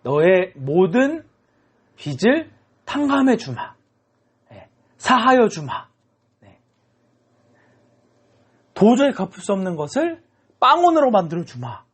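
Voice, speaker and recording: A man plays a generous storybook king who forgives a huge debt, speaking in slow, stately pronouncements. The voice is slightly husky and sits somewhat above the storyteller's usual pitch. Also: wildly swooping pitch, heavily acted. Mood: magnanimous.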